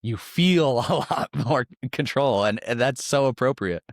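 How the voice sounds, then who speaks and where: A man's voice: mid-range voice, lively intonation, unhurried, no echo, studio quality. A man hosting a podcast interview, talking casually and laughing easily as he asks questions. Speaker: podcast host.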